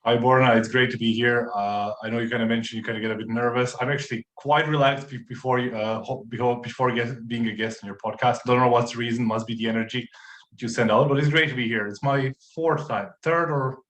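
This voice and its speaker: A man from Croatia in his thirties, a podcast guest telling his story in relaxed, casual conversation full of fillers and restarts. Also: mid-range voice, fast talker. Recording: roomy echo.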